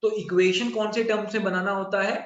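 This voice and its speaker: Echoey high-voiced male math teacher. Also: fairly even intonation, a little fast. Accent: Indian English. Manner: mixes English into Hindi, checks in with students often. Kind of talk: online class lecture. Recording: very echoey, dull lo-fi.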